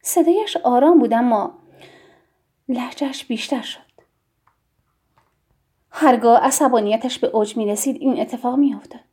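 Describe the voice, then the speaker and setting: A woman narrating a novel as an audiobook, in a hushed, intimate reading that drops to a whisper. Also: on the high side, pauses often, breathy edge.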